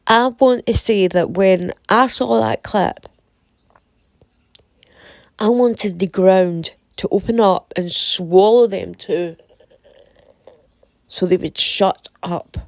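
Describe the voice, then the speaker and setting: A woman from the UK with a sore throat, giving casual, opinionated commentary in a deliberate, emphatic way, repeating phrases for effect. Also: mid-range voice, a little mellow, dry recording. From United Kingdom. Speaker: commentator reading and reacting to a website.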